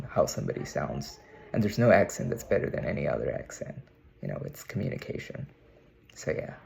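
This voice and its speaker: Talking to camera through the camera mic, a young Indian vlogger puts on an American accent for a casual, meandering monologue full of musing and frequent "you know"s. He has a bass voice, gravelly and darkish. The audio is poor, with slight background noise.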